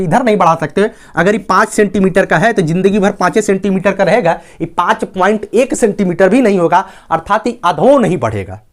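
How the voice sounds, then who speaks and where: A man teaching a maths lesson at a board. He explains step by step and keeps checking that listeners follow. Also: high-pitched.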